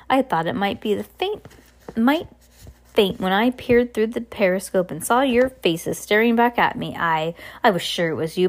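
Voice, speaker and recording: A woman voicing a hyper, blustering male submarine captain in a children's storybook, rambling, exclaiming and contradicting themselves. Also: medium pitch. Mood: boastful. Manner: rambling, self-contradicting, exclamatory rapid-fire talk. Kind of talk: children's storybook read aloud.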